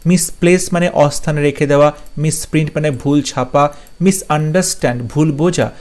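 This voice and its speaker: A man's voice: fairly high pitch, darkish tone. A man teaching English vocabulary in a lesson, listing words one after another, giving short meanings and checking that his students follow. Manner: lists words and gives quick meanings, checks understanding.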